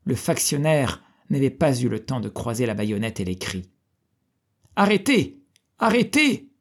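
A man reading a historical novel aloud in a steady, measured way. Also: medium pitch, husky. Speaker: audiobook reader.

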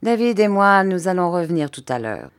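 A woman voicing a stern, controlling stepfather who speaks in a smooth, measured, menacing way. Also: on the low side, very animated. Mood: cold control.

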